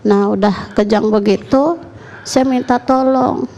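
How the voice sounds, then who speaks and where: A woman's voice: a little high, fairly even intonation, measured pace, gravelly, dark tone, a little hiss or hum. A woman, a mother recounting events in an interview in short, plain, run-on clauses. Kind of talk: emotional first-person account.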